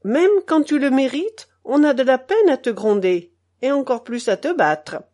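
A woman's voice: high-pitched, expressive, unhurried, a little mellow. A woman reading the part of an impatient, teasing male workshop painter who speaks bluntly and jovially in a storybook. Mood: bluff.

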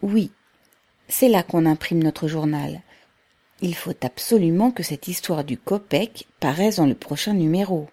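A woman reading aloud, voicing a calm, terse young male factory worker who speaks quietly. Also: on the low side, a little slow, slightly rough. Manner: brief, quiet.

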